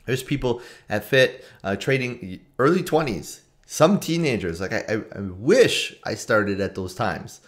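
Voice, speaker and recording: A low-voiced man from Toronto, Canada, who trades and hosts videos for a trading community, tells a personal story to camera from a small room at home. His manner is casual, informal and conversational, and he repeats himself for emphasis.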